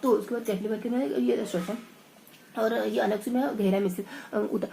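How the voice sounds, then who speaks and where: A woman revising her notes aloud in a casual study session, thinking out loud and stumbling over half-remembered words. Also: fairly high pitch, steady tone, normal speed, vocal fry, a little hiss or hum, poor audio.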